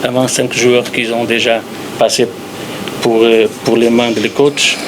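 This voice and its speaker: A man's voice: medium pitch, flat delivery. Man with foreign Iberian accent, noisy room. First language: not French. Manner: halting non-native French. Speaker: academy president giving a speech. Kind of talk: semi-formal press conference speech.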